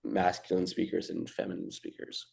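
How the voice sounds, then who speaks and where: Man, young adult, low voice, gravelly, relaxed casual teacher. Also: normal speed. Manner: relaxed, explains with fillers and restarts. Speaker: language teacher. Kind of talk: casual lesson.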